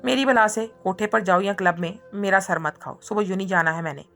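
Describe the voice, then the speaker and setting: A woman's voice: mid-range voice, brisk, fairly bright tone, faint music behind, natural voice. A woman voicing a feisty young woman who scolds and protests indignantly in a read-aloud story. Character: feisty young woman, sharp-tongued captive.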